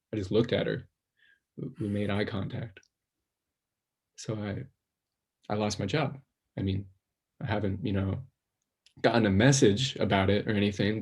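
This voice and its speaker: An actor playing an anxious, self-conscious young man who rambles, stalls and trails off into quiet self-doubt in a stage play. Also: lowish voice, slightly rough.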